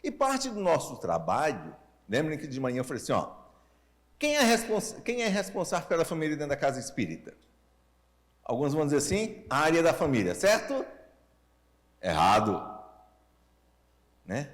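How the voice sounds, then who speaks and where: A man's voice: on the high side, brisk. A Brazilian man in his sixties gives an informal lecture with slightly tongue-tied, slurred articulation, asking rhetorical questions and checking in with short tags. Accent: Brazilian Portuguese. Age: 60s. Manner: animated, checks in with listeners using short tag questions. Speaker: speaker leading a Spiritist family-ministry session.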